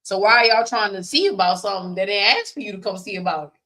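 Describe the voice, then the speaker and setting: A bright, clear-toned woman co-hosts a casual podcast. She talks animatedly, laughs often and leans into emphatic, almost preachy repetition when she makes a point. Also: medium pitch, animated, quick pace. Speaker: podcast co-host. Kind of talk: casual chat.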